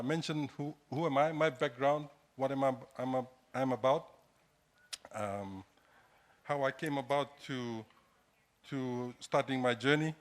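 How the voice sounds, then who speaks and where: A middle-aged man with a Fijian accent speaks to an audience in a hesitant, self-deprecating, conversational way. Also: medium pitch. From Fiji. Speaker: guest speaker, entrepreneur. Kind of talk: informal public talk to an audience. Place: indoor hall, standing at a lectern.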